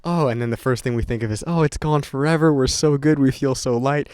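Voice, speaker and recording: In clean studio sound with no room ambience, a young content creator talks casually and unscripted to camera. He rambles, curses freely and keeps restarting, his mid-range voice a little fast and a little mellow, with a clean tone.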